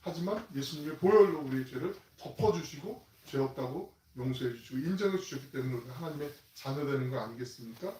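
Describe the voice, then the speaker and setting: A man pastor giving a conversational sermon, reading scripture aloud slowly and firmly. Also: mid-range voice, slight background noise. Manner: conversational preaching, reads scripture slowly and loudly with the congregation. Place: church sanctuary. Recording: echoey church from a distance.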